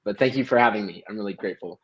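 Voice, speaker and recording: A man at a film panel rambles nervously but warmly, piling on praise before finally reaching his question. His voice comes through a dull, lo-fi mic. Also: lowish voice, very fast. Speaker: film director. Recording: dull lo-fi sound.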